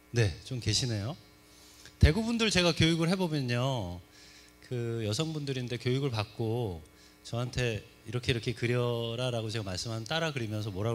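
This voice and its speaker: A middle-aged man from Seoul gives a humorous talk to a church congregation. He jokes a lot and keeps asking the audience questions. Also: mid-range voice. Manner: lively, joking, asks the audience questions. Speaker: guest speaker at a church service. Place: church sanctuary.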